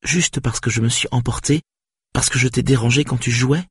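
A man's voice: mid-range voice, normal speed, breathy edge, no echo, clean studio sound, pitched above the performer's own voice. A man reading aloud, voicing a distraught young woman who pleads with her lover. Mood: desperate. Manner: pleading, rising to desperate.

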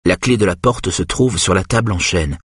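A man reading a thriller as an audiobook narrator in a steady, measured way. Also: deep voice, breathy edge, dry recording, clean studio sound.

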